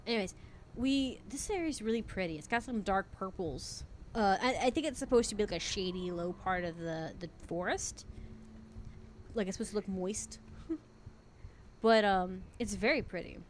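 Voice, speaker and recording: A woman's voice: medium pitch, expressive, normal speed, slight background noise. A woman giving casual, chatty commentary as she streams a game. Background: game music.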